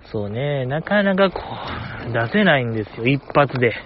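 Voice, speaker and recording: A man's voice: medium pitch, lively intonation, normal speed, noisy background. A man hosting a casual solo talk show, rambling with chuckles and mock-formal asides. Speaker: podcast host. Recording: slightly dull, dry recording.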